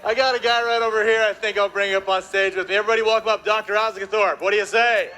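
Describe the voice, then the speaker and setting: A man presenting on stage to a live audience, energetic and jokey, working the crowd with constant tag questions. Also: high-pitched, fast talker, slight background noise.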